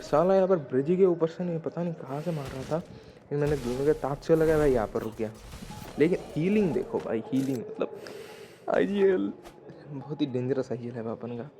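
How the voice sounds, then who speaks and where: Young man doing excited game commentary over music. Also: fairly high pitch, brisk. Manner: excited, slangy, talks to viewers as "bhai". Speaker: gameplay commentator. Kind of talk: casual gameplay commentary. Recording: voice-over with loud background music.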